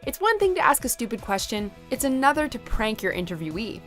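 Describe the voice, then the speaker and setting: A woman's voice: a little high, big pitch swings, a little fast, fairly bright tone, faint music behind. A woman reading a scripted countdown voice-over in a wry, lightly mocking tone. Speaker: countdown narrator.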